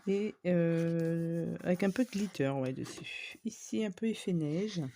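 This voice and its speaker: A scrapbooking vlogger with a lowish, warm, unhurried voice chats casually with viewers, showing off the craft supplies she bought in a shopping haul. Her talk is full of fillers and little asides, and there's a slight hiss or hum in the background.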